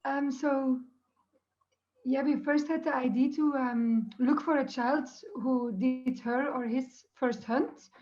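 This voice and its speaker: Dutch accent woman chatting about her filmmaking, high mellow voice, bit muffled. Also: steady tone, slow pace. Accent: Dutch or Flemish. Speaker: documentary filmmaker. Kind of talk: casual interview storytelling. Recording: slightly muffled online-call audio.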